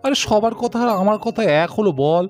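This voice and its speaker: A woman's voice: medium pitch, brisk, darkish tone, voice pushed down, close to an everyday voice. A woman voicing a greedy, always-hungry grown brother doll in a doll cartoon, whiny and joking.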